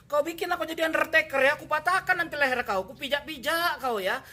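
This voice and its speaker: Guy w doing a comedy q&a rant, mock-angry scolding, high bright voice. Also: fast. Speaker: comedian answering viewer questions.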